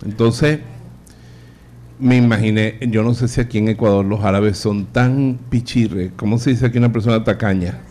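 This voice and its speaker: Priest preaching with jokes. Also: male voice, fairly low pitch, steady tone, moderate pace, warm tone. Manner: acts out joke characters with voice changes. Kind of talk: sermon with jokes. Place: church or chapel hall, live audience. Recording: live radio broadcast, faint noise.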